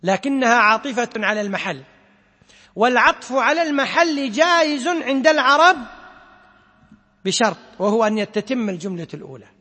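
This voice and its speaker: High-voiced man teaching in a hall. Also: very animated, bright, forceful tone, breathy edge. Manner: quizzes students and recites quoted verses slowly. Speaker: sheikh teaching a class. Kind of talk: classroom lecture explaining a poem on Quran sciences.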